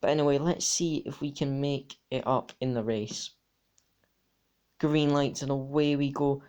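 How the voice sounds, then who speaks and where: Male sim racer, voice-over commentary, matter-of-fact, mid-pitched voice. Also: steady tone, a little slow, a little mellow, clean tone. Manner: matter-of-fact, talks through laps turn by turn. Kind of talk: race replay commentary.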